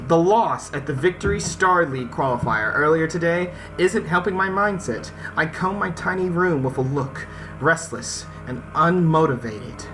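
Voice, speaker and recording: With visual novel game music playing underneath, the rough recording captures a gaming host at medium pitch and normal speed. They read the novel's text aloud for a let's-play, occasionally stumbling, and drop casual asides aimed right at the viewers.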